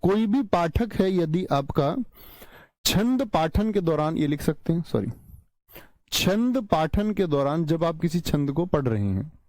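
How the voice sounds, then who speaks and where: A male teacher giving an online class lecture, speaking slowly, repeating key terms and quizzing his students. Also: a little high, animated, darkish tone, dry recording. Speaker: Hindi teacher.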